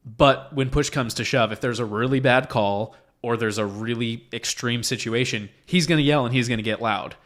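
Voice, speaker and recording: A young man hosting a podcast, telling animated stories from his school sports days in casual conversation. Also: mid-range voice, moderate pace, few pauses. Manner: animated storyteller, acts out quotes. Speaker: podcast host.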